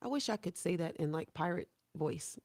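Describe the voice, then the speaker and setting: Lively, teasing woman host. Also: on the low side, normal speed. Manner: playful, teasing, laughs often. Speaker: radio show host. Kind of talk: casual radio interview chat.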